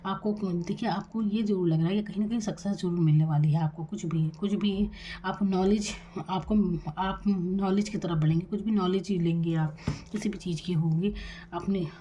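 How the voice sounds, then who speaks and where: A woman from India giving a tarot reading, speaking quietly and calmly and addressing the viewer directly with reassurance. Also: on the low side, lo-fi sound, slight background noise. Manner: soft-spoken, deliberately quiet. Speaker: tarot reader.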